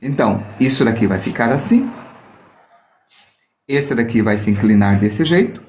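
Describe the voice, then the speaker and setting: A man's voice: medium pitch, animated, moderate pace, darkish tone, slight background noise. A man teaching a drawing lesson on reflections, explaining step by step and joking with viewers as he demonstrates with a mirror. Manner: playful, jokes with viewers while demonstrating. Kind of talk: live online art lesson.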